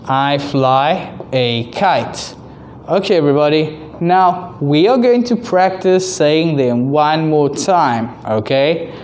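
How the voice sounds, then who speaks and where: A teacher giving a reading lesson to young children, sounding out words and short sentences very deliberately for them to repeat. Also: mid-range voice, a little mellow, slight background noise.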